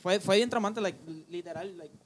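A man's voice: sits high, normal speed, slight background noise. A man co-hosting a podcast in casual chat, sprinkling English fillers into his Spanish. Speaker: podcast co-host.

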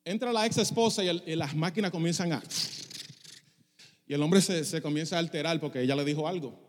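A man's voice: fairly high pitch, brisk, slight background noise. Passionate preacher man in a reverberant church. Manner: passionate, switches into English phrases. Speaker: pastor. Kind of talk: sermon. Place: church sanctuary.

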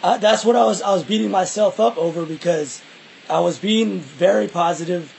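A young man in casual, reflective conversation, halting and repeating himself, with some loose swearing. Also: sits high, creaky, background noise. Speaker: musician.

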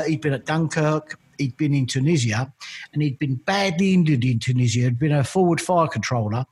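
A man's voice: fairly high pitch, a little mellow, slightly rough. A middle-aged man from East London with a Cockney accent, chatting through long rambling stories as an interview guest. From East London, England. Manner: chatty, rambling, repeats "I've got to be honest". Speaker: interview guest, militaria collector. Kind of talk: casual storytelling interview.

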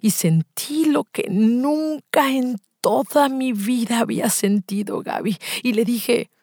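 Brief: woman narrating a dramatic confession, husky and dry, close mic. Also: fairly high pitch, dry recording. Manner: hushed, breathy dramatic delivery with lingering pauses. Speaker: storyteller reading a listener's confession. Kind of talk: dramatic first-person story reading.

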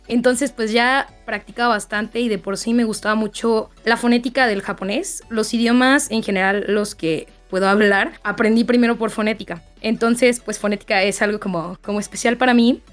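A woman who teaches phonetics, talking in a relaxed way with lots of fillers in a casual group chat. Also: fairly high pitch, a little fast, soft background music. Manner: relaxed, uses filler 'pues'.

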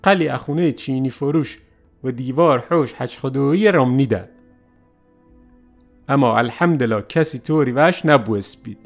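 A man narrating a first-person story in a lively, animated way. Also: a little high.

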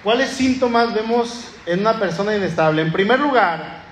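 Male pastor, high voice, animated sermon, faint room noise in a reverberant hall. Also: moderate pace. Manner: lively, calls out to the congregation. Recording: echoey hall with room ambience.

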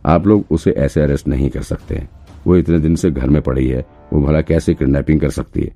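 A man's voice: very deep voice, steady tone, a little fast, dark tone, soft background music. A man voicing a worried older husband who protests urgently.

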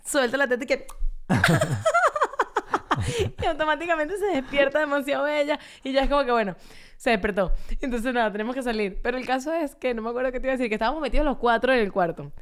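Woman, Venezuelan accent, fairly high voice, quick pace, casual podcast chat. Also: big pitch swings. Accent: Venezuelan Spanish. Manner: chatty, laughs often, storytelling. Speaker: podcast co-host.

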